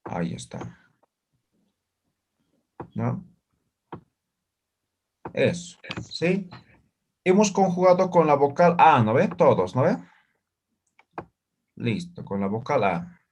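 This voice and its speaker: A man leads a live online language lesson, explaining sounds step by step in a patient, steady way. His voice sits at an ordinary middle pitch for a man. It comes through a computer mic on a video call. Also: slow, long pauses, slight background noise. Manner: patient explaining, tags nearly every phrase with a short check-in question. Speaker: language teacher.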